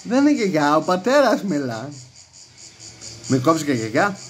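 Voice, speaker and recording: A man's voice: on the high side, big pitch swings, rough recording. A man rambling in a casual monologue, acting out quoted dialogue in raised voices. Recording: music playing behind the voice.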